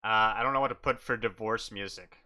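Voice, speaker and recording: A man's voice: fairly low pitch, fairly quick, pushed and bright. Man running a solo tabletop game. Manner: casual, swears, talks to himself. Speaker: game master and solo player.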